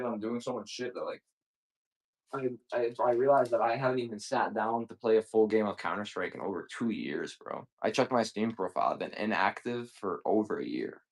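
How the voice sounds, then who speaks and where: In his twenties, a man rambles casually and profanely while selling on a livestream, using lots of slang. His voice is fairly low, and the recording is rough.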